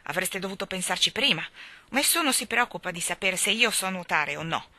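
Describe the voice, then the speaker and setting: A woman doing a gruff, cross little seal. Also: mid-range voice, lively intonation, a little fast, bright, forceful tone, no echo. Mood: harsh. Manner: harsh and angry.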